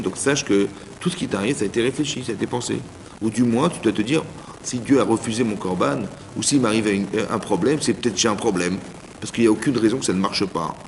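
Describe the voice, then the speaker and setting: A man giving an informal Torah class as a rabbi, animated, speaking straight to his listeners and acting out little dialogues. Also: lowish voice, gravelly. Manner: animated, addresses listeners directly, acts out dialogues. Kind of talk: informal sermon. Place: community hall. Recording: reverberant hall, faint background noise.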